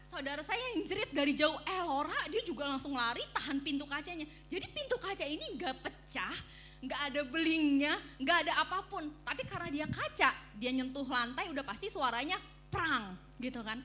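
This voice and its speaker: A woman preaches at a church service, her voice high and bright. She tells her story in an animated way and acts out the screams in it. Faint music plays underneath. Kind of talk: sermon with personal story.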